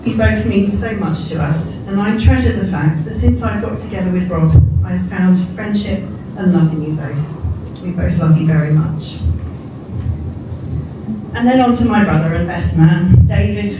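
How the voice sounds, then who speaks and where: Guy, 40s, heartfelt wedding toast, really echoey and distant with clear background noise. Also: high-pitched, moderate pace. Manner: heartfelt, sentimental. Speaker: groom. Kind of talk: wedding toast, speech of thanks. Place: indoor wedding reception room. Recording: echoey noisy room, recorded from far off.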